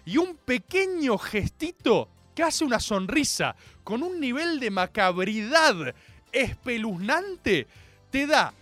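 Animated, bright Rioplatense radio host. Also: male voice, extremely high pitch, slow pace, no echo, soft background music. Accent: Rioplatense Argentine Spanish. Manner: animated, slangy, theatrical storytelling. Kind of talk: comic monologue. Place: radio studio.

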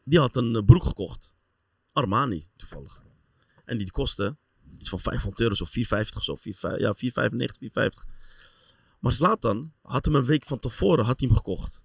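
A middle-aged man, telling football stories in casual talk and acting out scenes with a voice that jumps high as he laughs. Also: brisk, creaky, husky, no room sound, clean studio sound. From Netherlands. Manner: animated storyteller, voice rises high when acting out scenes, laughs often. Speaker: former footballer and assistent coach telling stories.

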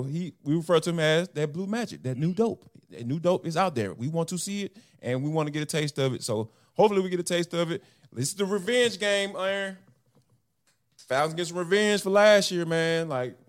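Male podcast co-host, slightly high voice, animated slang-filled banter. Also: fairly quick. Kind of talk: casual sports podcast chat.

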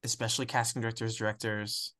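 A young man from the United States, an actor giving a candid, reflective interview, often pausing and restarting as he searches for words. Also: lowish voice, flat delivery, bright, forceful tone.

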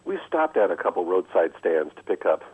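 A man's voice: low-pitched, sing-song, a little fast, husky. A man calling a radio show over a phone line, chatting casually about travel. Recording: dull narrow phone line.

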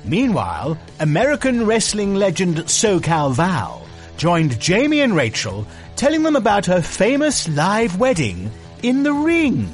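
A man hosting quiz rounds and linking clips, announcing briskly. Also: high-pitched, huge pitch swings, faint music behind. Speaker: quiz master and narrator. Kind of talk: game show hosting.

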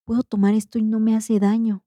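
A woman's voice: a little high, flat delivery, brisk, dark tone, dry recording, studio quality, lightly acted. A woman with a Mexican accent voicing a loving elderly grandfather spirit who speaks tenderly and reassuringly, her voice raised.

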